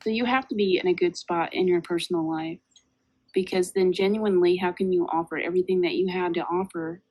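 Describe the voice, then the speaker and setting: A woman with a somewhat low voice co-hosts a casual spiritual podcast. She thinks out loud in long, meandering sentences, her speech slightly softened by a retainer. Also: fairly even intonation, a little fast, poor audio. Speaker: podcast co-host.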